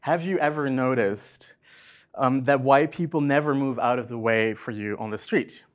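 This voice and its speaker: A man in his twenties giving an academic talk at a symposium, out of breath after dancing and filling pauses with many ums. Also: medium pitch. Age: 20s. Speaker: symposium speaker. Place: event space in a museum.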